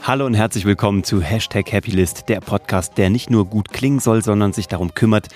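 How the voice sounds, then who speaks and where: A man hosting his own podcast, giving lively, chatty coaching tips on using the voice, with a few fillers along the way. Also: on the low side, fairly quick, faint music behind. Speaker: podcast host.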